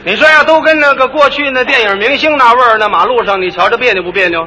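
A man leading a crosstalk comedy routine, explaining lively and mimicking street talk. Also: very high voice, quick pace, in a large hall, low-quality recording. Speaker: lead comic in a crosstalk duo.

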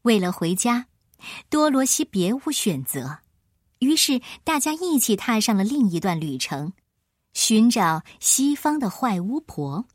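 A woman storyteller giving expressive scripted narration of a children's tale. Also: on the high side, a little slow, no echo, studio quality.

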